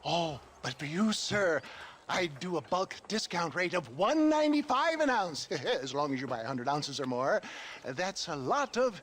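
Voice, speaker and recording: A man's voice: a little high, sing-song, a little slow, a bit bright, a little hiss or hum. A man playing a pompous old snake-oil salesman in a Western video game, with grandiloquent showman's patter. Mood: ingratiating. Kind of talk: theatrical video game acting.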